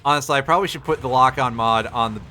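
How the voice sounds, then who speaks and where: A man's voice: medium pitch, fast talker, pushed and bright, slight background noise. A man giving casual live gameplay commentary as a streamer, with sardonic, sweary grumbling. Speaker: video game streamer.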